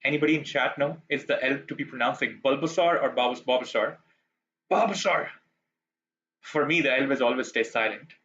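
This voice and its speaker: Chatty male streamer with a bright voice. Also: mid-range voice, steady tone, quick pace, few pauses, highs cut off, a little hiss or hum. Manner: chatty, rambling, self-deprecating. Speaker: gaming streamer. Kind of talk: casual live-stream chat while gaming.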